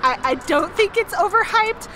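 Recorded close in a small restaurant booth with music in the background, this woman in her thirties vlogs about food straight to camera. Her very high voice is animated and moves at normal speed, and her casual chat is enthusiastic and packed with fillers.

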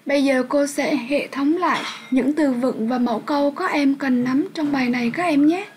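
High-voiced young woman English teacher. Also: moderate pace, a little hiss or hum, rough recording. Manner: patient, addresses pupils warmly and checks understanding. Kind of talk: bilingual classroom lesson explaining English.

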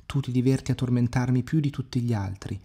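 A husky-voiced man voicing a humble swineherd who complains of being picked on. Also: medium pitch, fairly quick, mellow, voice pushed up. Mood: aggrieved. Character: humble old male swineherd.

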